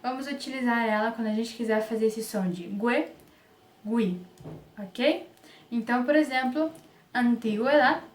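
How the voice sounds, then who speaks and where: A Brazilian woman with a Brazilian Portuguese accent teaching a Spanish pronunciation lesson, patiently repeating example words. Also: high-pitched. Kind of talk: online language lesson. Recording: echoey room, distant mic.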